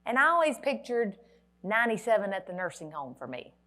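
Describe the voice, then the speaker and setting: A woman's voice: mid-range voice, big pitch swings, fairly quick, bright, forceful tone. A woman, giving a motivational keynote at a conference and telling a dramatic story with wry humor. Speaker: motivational speaker. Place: conference hall.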